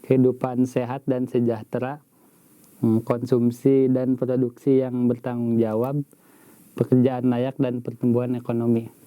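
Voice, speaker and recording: A man's voice: mid-range voice, completely flat delivery, measured pace, dark tone, no room sound. A man in his twenties, an office assistant, giving casual, hesitant interview answers. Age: 20s.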